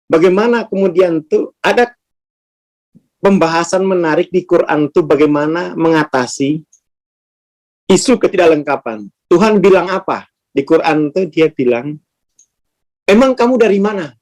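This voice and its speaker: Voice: medium pitch, moderate pace, a little mellow. A teacher leads an informal spiritual class. The delivery is loose and conversational, full of rhetorical questions and acted-out quoted speech.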